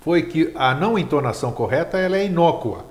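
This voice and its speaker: A man's voice: fairly high pitch, lively intonation, brisk, slight background noise. A man hosting a conversation, asking questions and agreeing with his guest. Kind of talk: conversational interview. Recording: roomy echo.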